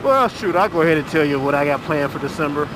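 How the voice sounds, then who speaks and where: Casual ride talk comes from a middle-aged man with a fairly high pitch, motorcycling along a rural road for his vlog. He chats in a relaxed way, drawing out his filler pauses. Wind, engine, and road noise from the helmet mic surround his voice.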